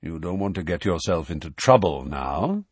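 A man voicing a towering, calm man who speaks in a deep, slow voice. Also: slightly rough, dry recording, exaggerated voice. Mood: calm warning.

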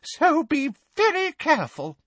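A man voicing a shrill, pompous, terrified woman official who speaks in a high-pitched, prim manner. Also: huge pitch swings, unhurried, fairly bright tone, dry recording, heavily acted. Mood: shrill fear.

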